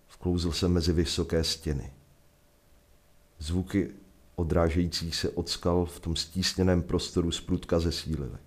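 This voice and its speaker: A Czech man telling a first-person adventure story in a measured, vivid narration. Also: low voice, a little mellow. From Czech Republic.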